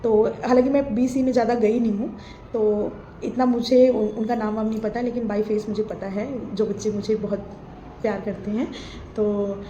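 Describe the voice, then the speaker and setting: A woman's voice: fairly high pitch, fairly even intonation, normal speed, dark tone, muffled recording. A woman teacher giving an emotional farewell to her students, mixing Hindi with English phrases. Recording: echoey room, faint noise.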